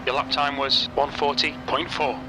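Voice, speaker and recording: A man's voice: mid-range voice, little pitch movement, normal speed, music in the background, poor audio. Man giving terse pit radio calls. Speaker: race engineer and spotter. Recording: loud car engine noise behind. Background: race car engine and track noise.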